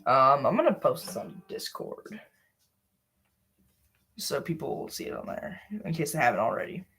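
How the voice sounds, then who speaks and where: Rambling male streamer with lively pitch. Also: moderate pace, slight background noise. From American South. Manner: rambling, filler-heavy, talks to viewers while setting up. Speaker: live streamer. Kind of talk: casual live stream chat.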